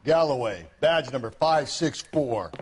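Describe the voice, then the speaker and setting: An actor playing a world-weary, profane police detective in a 1940s crime game, talking bluntly. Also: male voice, mid-range voice, animated, measured pace, slight background noise, lightly acted. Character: gruff cynical middle-aged male police detective.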